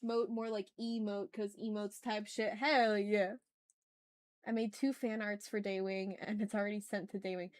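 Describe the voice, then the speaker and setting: As she draws on a casual livestream, a woman thinks out loud and chats with her audience using effusive, slangy, informal talk. Her medium-pitched voice moves at a normal speed with little variation in pitch.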